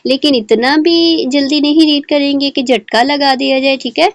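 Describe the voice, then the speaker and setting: A woman teaching beginners to read the Quran, sounding out letters slowly syllable by syllable and checking in often with "theek hai". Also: sits high, steady tone, dry recording, studio quality. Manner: repeats "theek hai" and mixes in English words. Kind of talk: patient recorded lesson for beginners.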